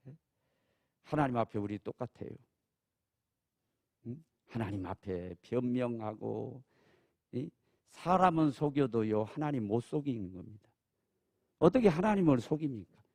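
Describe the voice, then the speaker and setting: A man preaching a sermon as pastor, talking conversationally to the congregation and rising from soft asides to loud, emphatic peaks. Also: mid-range voice. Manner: conversational, asks the congregation "예?" for assent.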